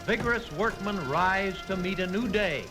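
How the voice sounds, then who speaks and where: A man booms out vintage newsreel narration in a high, brassy voice. The old archive recording has loud music swelling under him. Every line sounds like an announcement. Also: unhurried.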